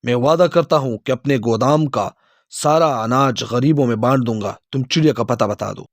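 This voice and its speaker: A man voicing a greedy, hot-tempered king who shouts commands in a storybook tale. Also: medium pitch, dry recording, clean studio sound, close to an everyday voice. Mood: eager. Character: greedy, furious male king barking orders.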